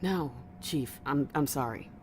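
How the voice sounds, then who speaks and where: A woman voices a loyal, foul-mouthed security deputy in a sci-fi audio drama, speaking casually and colloquially and somewhat hesitantly to her boss. Her voice sits low and moves at a measured pace, sounding chastened. There's slight background noise.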